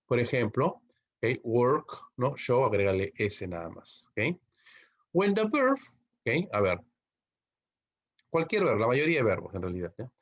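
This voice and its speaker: Peruvian guy explaining english verb rules, keeps tagging ok and no, mid-pitched voice, kinda dull lo-fi sound. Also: sing-song. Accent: Peruvian Spanish. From Peru. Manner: constantly checks in with tag questions like ok and no; reads English example sentences slowly, then translates. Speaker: English teacher. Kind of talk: Spanish-language English grammar lesson. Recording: dull lo-fi recording.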